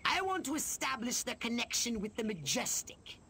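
An actor voicing a small, bossy alien commander in a video game, giving clipped, commanding orders in a gravelly voice. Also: male voice, very high-pitched, big pitch swings, moderate pace, sharp tone, a little hiss or hum, exaggerated voice. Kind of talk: video game cutscene acting.

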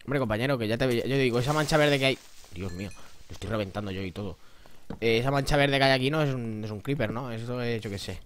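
A young man from Spain with a Spanish accent, giving excitable, jumpy let's play commentary while talking to himself and his viewers. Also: medium pitch, fast talker, a little hiss or hum. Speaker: gamer.

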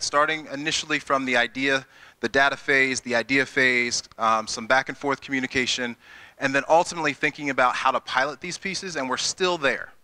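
A man's voice: medium pitch, bright, forceful tone. A man in his thirties with a Midwestern American accent presents to a town hall meeting in a school auditorium, speaking into a handheld microphone in a conversational way full of fillers and restarts. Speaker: school district chief executive. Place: school auditorium with a seated audience.

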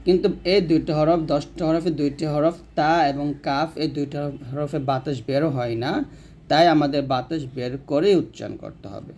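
A man teaching Quran letter pronunciation, drilling each syllable slowly and asking listeners to repeat after him. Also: fairly high pitch, a little mellow, a little hiss or hum. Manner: slow, deliberate drill of letter sounds with repetition. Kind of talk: tutorial lesson.

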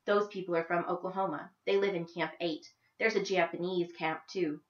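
A woman's voice: on the low side, steady tone, moderate pace, lightly acted. Friendly, chatty young girl, as a woman reads her; echoey, dull sound.

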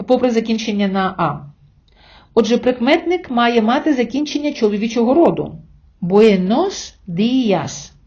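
A woman giving a spoken language lesson, often calling her listeners friends and saying example words slowly and carefully. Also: a little high, a little mellow, highs cut off. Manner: addresses listeners as friends, with hesitation fillers. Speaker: Spanish language teacher.

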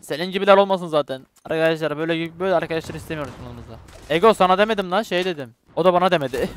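A man's voice: fairly high pitch, very fast. A young man commentating his own shooter gameplay, swearing and joking with teammates and pleading with viewers to subscribe. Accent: Turkish. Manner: excitable, swearing, jokey banter with teammates. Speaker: gaming YouTuber.

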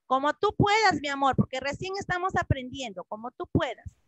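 A woman English teacher leading an online class for children, patiently repeating words slowly over a video call. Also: high-pitched, expressive, dry recording, low-quality recording.

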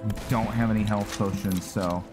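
Speaking on the low side in a steady tone and at a moderate pace, a gamer commentates casually while game music plays. He reasons out loud and lets slip mild exclamations as he plays.

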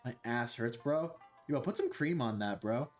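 Faint music runs behind a young man, a young adult with an expressive mid-range voice and a moderate pace. He's streaming a game from a small bedroom on a headset, bantering loosely with viewers, joking and swearing plenty as he talks to chat.

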